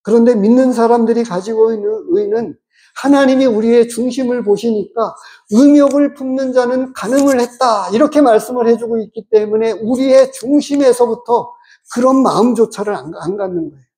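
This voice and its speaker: With a dark-toned, mid-range voice, a pastor gives a sermon that is calm and explanatory, asking his listeners rhetorical questions along the way.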